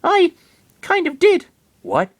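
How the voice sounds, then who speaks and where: A man voicing a loyal male Lucario creature in a high, squeaky falsetto. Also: huge pitch swings, slow, exaggerated voice. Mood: earnest.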